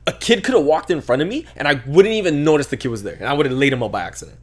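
A young man on a casual podcast, telling a long military story in an animated, profane, slangy way. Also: on the high side, racing. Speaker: podcast co-host. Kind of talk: casual chat.

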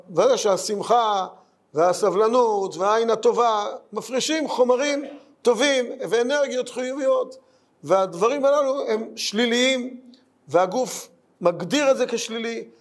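A man giving a Talmud lesson in an earnest way, asking rhetorical questions and repeating his points. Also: very high-pitched. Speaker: Torah teacher.

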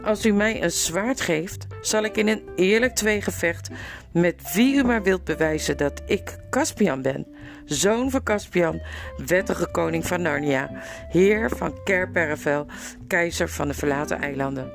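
A woman's voice: lowish voice, lively intonation, a little slow, creaky, soft background music. A woman reading aloud, voicing a proud young king who speaks in a bold, formal and commanding way.

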